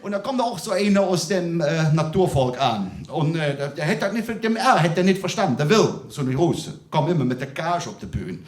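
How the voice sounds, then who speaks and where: A comedian with a thick Cologne dialect, rambling through a stand-up set on a small theater stage, full of "ne" and "weißt du". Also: male voice, a little high, very animated, fairly quick, few pauses, reverberant. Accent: Kölsch (Cologne dialect). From Cologne area, Germany. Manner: rambling, chatty, many fillers like "ne" and "weißt du".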